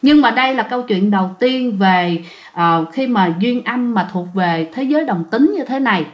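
Southern Vietnamese woman narrator, casual ghost-story telling, voice a bit high, talks to listeners. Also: animated, moderate pace, highs cut off. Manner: chatty, addresses listeners directly.

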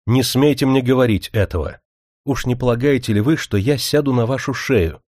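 A man's voice: medium pitch, moderate pace, darkish tone, no room sound, studio quality, close to an everyday voice. A man voicing a proud young princess in a spoken story, pleading and indignant by turns.

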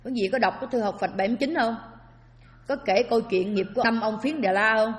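A woman with a fairly high pitch gives a quick-paced Buddhist Dharma talk as a sermon, often posing rhetorical questions to her listeners. The recording carries a long hall reverb.

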